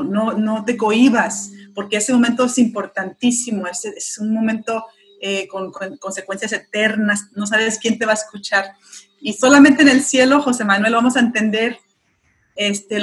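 Speaking Spanish though English is her native tongue, a woman from the United States answers an interview question as a pro-life activist guest. Her voice is medium-pitched and fairly bright, and her manner is earnest and encouraging as she urgently exhorts listeners.

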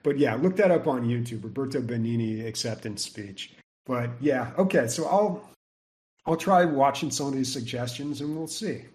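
A man's voice: mid-range voice, normal speed, darkish tone. A man co-hosting a casual podcast chat, rambling with lots of fillers. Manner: chatty, lots of likes and ums. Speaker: podcast co-host.

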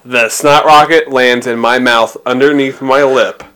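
A man's voice: medium pitch, fairly even intonation, measured pace, bright, forceful tone, smooth. A man co-hosting a podcast, telling a profane story in casual chat. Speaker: podcast co-host. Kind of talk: crude comedy chat.

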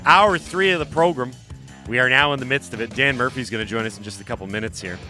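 A man hosting a sports radio show, jokey and animated, reading ads and bantering in a studio. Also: medium pitch, quick pace, faint music behind. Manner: animated, jokey, reads ads with a bouncy lilt. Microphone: studio microphone.

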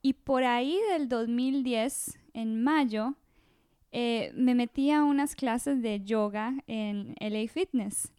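A woman's voice: a little high, takes it slowly, a little mellow, clear, resonant tone, dry recording, clean studio sound. A woman in her thirties from Rica, telling her story as a podcast guest in a chatty way, often restarting her sentences. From Costa Rica. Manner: chatty, with frequent restarts and fillers. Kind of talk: casual interview storytelling.

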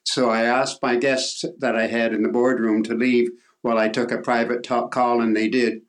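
An older Canadian man, a guest on an interview show, telling a story in a halting way with repeated words. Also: medium pitch, flat delivery. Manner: halting, repeats words, acts out quoted voices.

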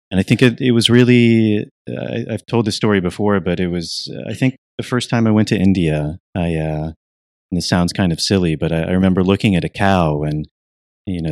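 A young man from Virginia being interviewed, answering in a soft, reflective way with many restarts and fillers. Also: sits low, normal speed, no room sound, studio quality. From United States (Virginia). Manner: soft-spoken, thoughtful, frequent restarts and fillers. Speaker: interviewee, retreat program teacher.

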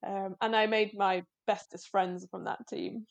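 A woman's voice: medium pitch, little pitch movement, measured pace, creaky. Woman, casual interview guest, chatty, self-deprecating, laughs often. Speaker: guest, cyclist.

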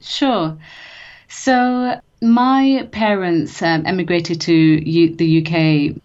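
A low-pitched woman talks freely as a podcast guest, laughing often and restarting her sentences. Her recording sounds slightly dull and lo-fi. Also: slow, darkish tone. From England. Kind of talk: casual interview chat.

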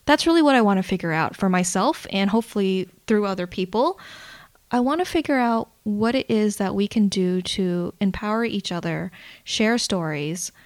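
A woman's voice: mid-range voice, expressive. A woman hosting her own podcast, talking candidly and outspokenly in a solo intro monologue, swearing freely and dropping in "you know" and "like" as she goes. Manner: mixes fillers like "you know" and "like" into fast talk. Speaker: podcast host.

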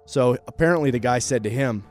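A young man co-hosting a sports talk show, telling a story in an animated, swearing way and mimicking people. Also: mid-range voice, brisk, faint music behind. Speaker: co-host. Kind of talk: casual sports radio chat.

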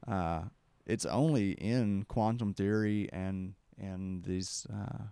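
A man's voice: low voice, steady tone, slow, creaky, warm tone, clear, resonant tone, no echo. A man hosting a podcast, telling a rambling story outdoors with lots of restarts and acted-out quotes. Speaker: podcast host. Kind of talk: casual storytelling conversation.

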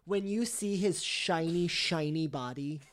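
A woman's voice: fairly low pitch, measured pace. A woman co-hosting a casual group chat, playful, laughing often and swearing now and then. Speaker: podcast co-host.

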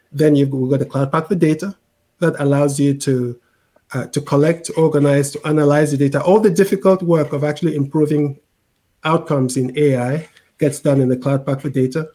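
A middle-aged man from Cameroon with a mixed international accent speaks in a mellow, fairly high voice. He explains his points patiently as an interview guest, often repeating words and checking in with "right?". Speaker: interview guest, tech executive. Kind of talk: conversational explanation.

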